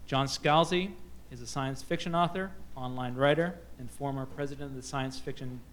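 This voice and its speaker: This man, steady and fairly bright at a medium pitch, introduces authors on a book festival panel he's moderating. His reading stumbles along, full of fillers and false starts.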